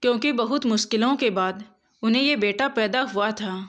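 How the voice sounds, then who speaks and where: A woman storyteller giving steady, expressive scripted narration of a moral story. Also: on the high side, normal speed.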